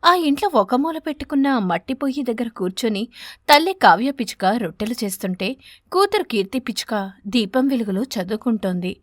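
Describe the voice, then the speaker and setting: High-voiced woman telling a children's story. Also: lively intonation, fairly quick, no room sound, clean studio sound. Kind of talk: animated children's story narration.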